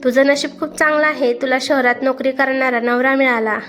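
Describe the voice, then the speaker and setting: A woman's voice: sits high, little pitch movement, a little fast, fairly bright tone, soft background music. A woman voicing a rude, demanding young wife who complains shrilly, in a storybook reading. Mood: complaining.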